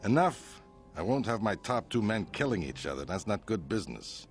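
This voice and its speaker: An actor playing a smooth, self-satisfied male crime boss who speaks in a grand, smug way. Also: on the low side, big pitch swings, normal speed, faint music behind.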